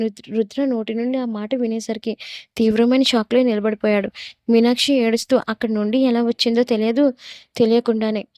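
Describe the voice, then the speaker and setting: A woman's voice: a little high, dry recording. Woman telling a dramatic story. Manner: expressive, steady storytelling. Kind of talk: dramatic audio story reading.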